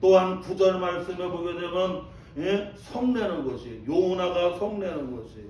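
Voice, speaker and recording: High-voiced pastor preaching in an echoey church. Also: male voice, a little slow, darkish tone, slight background noise. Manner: calls out to the congregation and repeats phrases for emphasis. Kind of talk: sermon. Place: church sanctuary. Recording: echoey church from a distant mic.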